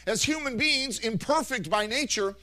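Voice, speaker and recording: A middle-aged man preaching a sermon through animated stories, with frequent restarts and self-corrections. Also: extremely high pitch, normal speed. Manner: rambling, animated storytelling with many restarts. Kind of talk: anecdotal sermon.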